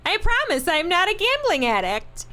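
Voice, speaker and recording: A woman's voice: extremely high pitch, wildly swooping pitch, normal speed, bright, forceful tone, pitched above the performer's own voice, full character voice. A woman voicing a chatty middle-aged woman in a video game, reading her friendly letter aloud in a gossipy, sing-song way.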